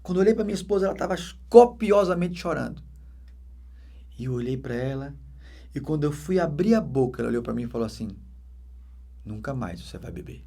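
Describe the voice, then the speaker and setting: A man with a Brazilian Portuguese accent preaches his conversion testimony as a deacon. His voice is husky and sits a little high for a man. He swings from loud, emphatic bursts to hushed, soft passages. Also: lively intonation, quick pace. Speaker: permanent deacon giving testimony.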